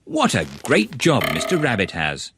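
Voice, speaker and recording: A man's voice: mid-range voice, huge pitch swings, normal speed, noisy background. A man playing a kindly storyteller, narrating a preschool cartoon in simple, friendly sentences. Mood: kindly explaining. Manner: clear, simple, friendly explaining. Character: kindly male storyteller narrating for small children.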